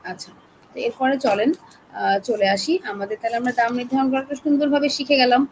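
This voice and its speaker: Soft-spoken Bangladeshi woman teaching online. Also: a little high, steady tone, brisk, slight background noise, rough recording. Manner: chatty, coaxing, talks straight to learners; speaks softly to spare her throat. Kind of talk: live online class.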